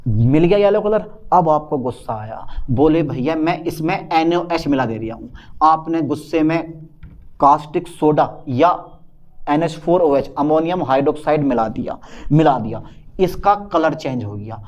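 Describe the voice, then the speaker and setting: Male chemistry tutor with a high voice, casual and chatty, playing both teacher and student in a slightly dull, lo-fi recording. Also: measured pace. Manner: lively, plays both teacher and student in a back-and-forth. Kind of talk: casual Hindi classroom lecture.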